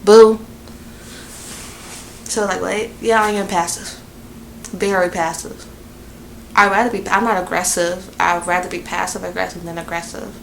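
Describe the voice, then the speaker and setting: Venting from her workplace, a young woman from the Southern United States rambles through a chatty storytime vlog, her speech full of fillers and long pauses. Her lowish voice has vocal fry, little pitch movement and normal speed. Slight background noise is present.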